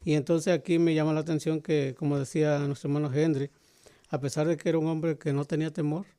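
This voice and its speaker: Co-host, male, mellow and slightly high, conversational, hunts for words. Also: flat delivery, fast. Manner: frequent affirming interjections, searches for words mid-sentence. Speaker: radio Bible program co-host. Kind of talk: Bible discussion chat.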